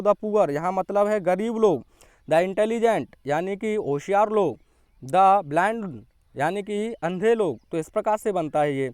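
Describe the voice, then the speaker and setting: A man teaching an English grammar lesson, quizzing his students and slowly dictating the sentences. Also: high voice, a little mellow, clean tone, dry recording, clean studio sound.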